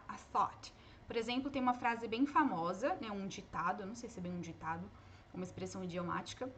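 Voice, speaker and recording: Woman teacher in a live online class, patient, spells out and repeats words slowly, faint noise behind her. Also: on the high side, a bit bright. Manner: patient, explains slowly and models words aloud. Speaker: English teacher. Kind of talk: live online pronunciation lesson.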